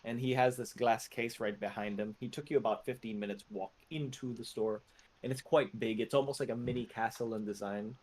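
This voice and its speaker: A man's voice: mid-range voice, fairly even intonation, a little fast, darkish tone. A man narrating a tabletop fantasy game as its game master, improvising descriptions in casual speech.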